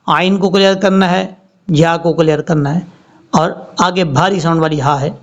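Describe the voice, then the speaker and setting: A male Quran teacher explaining tajweed rules and reciting each word slowly and drawn out. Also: fairly high pitch, fairly even intonation. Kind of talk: tajweed lesson with slow recitation. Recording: slightly dull lo-fi audio.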